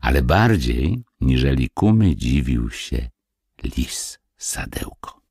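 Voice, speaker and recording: Deep, husky storybook narrator man. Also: very animated, slow, a little mellow, no echo, clean studio sound. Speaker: audiobook narrator. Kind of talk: fairy-tale audiobook reading.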